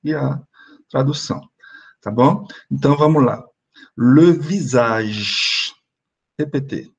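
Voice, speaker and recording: Husky-voiced man teaching on a call. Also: medium pitch, moderate pace, darkish tone, muffled recording. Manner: patient, explains step by step and has students repeat. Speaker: French teacher. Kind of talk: online class teaching.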